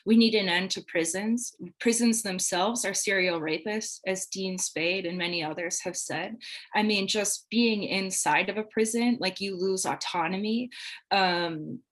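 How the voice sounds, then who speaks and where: A woman's voice: mid-range voice, a little slow, poor audio. Woman, workshop facilitator, earnest, chatty fillers, video call audio. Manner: earnest, heavy use of "like" and "um". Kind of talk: live online training talk.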